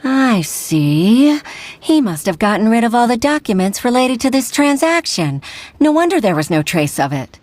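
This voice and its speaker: An actress voicing an apologetic clerk in a video game, speaking hesitantly. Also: female voice, on the high side, big pitch swings, moderate pace, darkish tone, no room sound. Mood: worried. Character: apologetic female office clerk.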